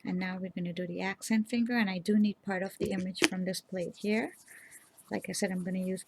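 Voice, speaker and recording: A woman hosting a nail art tutorial, explaining each step in a calm, instructive way and speaking to viewers directly. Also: mid-range voice, brisk, noisy background. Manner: calm, instructive, addresses viewers as "you guys". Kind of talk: casual step-by-step tutorial narration.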